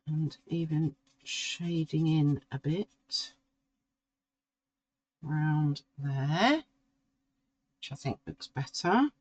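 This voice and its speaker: A middle-aged woman, slowly talking through a drawing as she works and musing to herself. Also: low voice, expressive, a little mellow, breathy edge, dull audio. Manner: slow, musing, talks to herself while drawing. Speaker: art tutor. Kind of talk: relaxed painting tutorial.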